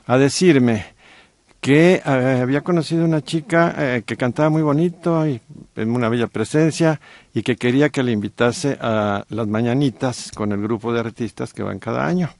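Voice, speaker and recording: A middle-aged man with a Mexican accent, telling a story on a radio talk show with many pauses and fillers. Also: medium pitch, no room sound. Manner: warm storytelling with frequent fillers. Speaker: guest co-host.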